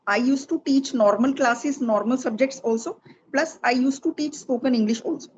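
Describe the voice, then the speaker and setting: Being interviewed casually in English, a spoken English teacher from Delhi, middle-aged and with an Indian accent, talks at a moderate pace in a high voice. The recording is dull and lo-fi, with a faint layer of noise.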